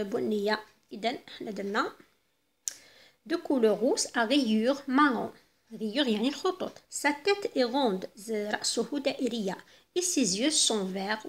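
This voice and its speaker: Algerian lady teaching french to kids, slow on the french bits, bit of a gravelly voice. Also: a little high, fairly bright tone. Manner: mixes Arabic and French, slows down for French phrases. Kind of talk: recorded school lesson.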